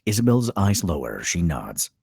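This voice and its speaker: Reading scripted stage directions with drama, the narrator uses his deep, gravelly voice with lively shifts in pitch. His pace is normal here, and the studio sound is clean and dry.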